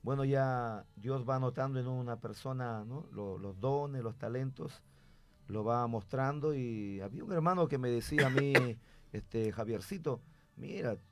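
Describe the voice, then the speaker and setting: Earnest pastor with a dry, gravelly voice. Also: male voice, medium pitch, unhurried. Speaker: pastor, guest. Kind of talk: conversational testimony.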